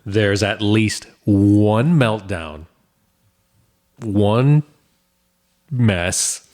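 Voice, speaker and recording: A man co-hosting a casual podcast, excitable, often repeating his words as he tells a story. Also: on the low side, very slow. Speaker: podcast co-host. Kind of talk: casual chat.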